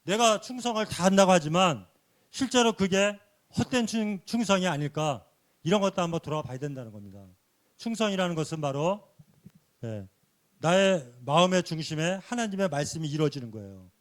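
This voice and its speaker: A man giving a sermon-like church lecture, earnestly explaining points and dropping a soft affirming "yes" between phrases. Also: sits high, expressive, fairly quick. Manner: earnest, explanatory teaching with rhetorical questions.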